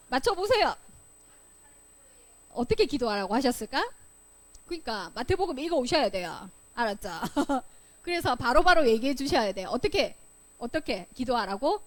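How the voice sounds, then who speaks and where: A high-voiced woman leads a Sunday school Bible lesson for children, her pitch leaping and swooping as she goes. She fires questions at the kids and acts out examples with playful loud bursts. The lesson takes place in a church classroom.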